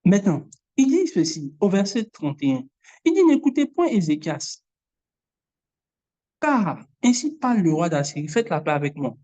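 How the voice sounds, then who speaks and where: A woman preaching a sermon in a lively way, acting out the voices she quotes. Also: fairly low pitch, normal speed. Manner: animated, mimics voices. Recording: dull lo-fi sound.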